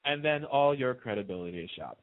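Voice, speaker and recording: A man with a mid-range voice speaks fast and expressively through narrow, tinny audio. A radio host appearing as an interviewee, he chats casually, spinning stories and repeating phrases for emphasis.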